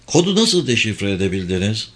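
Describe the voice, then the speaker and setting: A man's voice: on the low side, very animated, a little fast, a bit bright. A man voicing an alarmed male intelligence agent who presses with questions in a spy audiobook.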